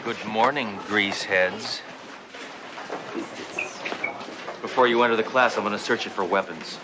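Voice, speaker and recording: An American actor playing a tough, cocky police detective in a TV comedy, sneering out insults with a deadpan manner. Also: male voice, fairly low pitch, brisk, background noise, lightly acted. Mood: menacing deadpan. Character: tough, cocky, trigger-happy male police detective posing as substitute teacher. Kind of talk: deadpan sitcom acting.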